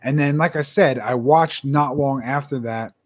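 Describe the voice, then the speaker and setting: A man's voice: medium pitch, normal speed. A young man, a self-published author, talking casually and earnestly to camera, rambling and repeating his words.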